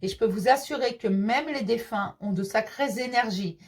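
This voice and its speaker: A woman's voice: a little high, moderate pace, darkish tone, slightly rough. A woman medium giving a casual tarot reading, reassuring and chatty, addressing the listener affectionately. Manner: reassuring, calls the listener "mon petit chéri"; chatty, with frequent fillers and repeats.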